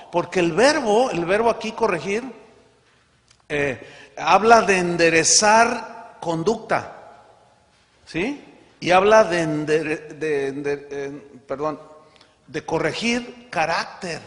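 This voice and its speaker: Male pastor, high voice, preaching emphatically with rhetorical questions; reverberant conference hall. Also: fairly bright tone. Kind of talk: sermon.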